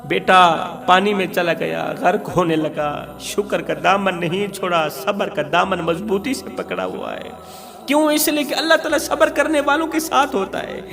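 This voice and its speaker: Speaking at a moderate pace, a man with a Pakistani accent preaches a moral story in a dramatic, declamatory way, leaning on emphatic repetition. His high, gravelly voice is very animated. He's a preacher and religious storyteller, captured with music and long hall reverb.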